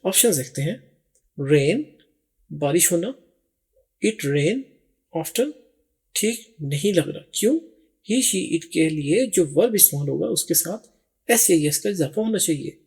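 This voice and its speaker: Man, English teacher, gravelly voice, raspy tone, patient step-by-step explaining. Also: a little high, darkish tone. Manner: reads each English phrase slowly and deliberately. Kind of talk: explaining grammar exercises.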